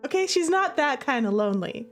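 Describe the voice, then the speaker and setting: Brisk and very animated, this high-voiced woman streamer casually comments on her own game. She's playful, giggly and emphatic, repeatedly tacking on "okay?" and "all right?", with music in the background.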